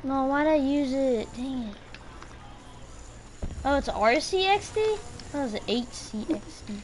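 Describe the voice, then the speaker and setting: A woman streaming a shooter game with a friend, chatting casually with sudden excited outbursts. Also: high-pitched, unhurried, soft background music. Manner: excited outbursts between calm play talk. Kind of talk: casual gaming chat.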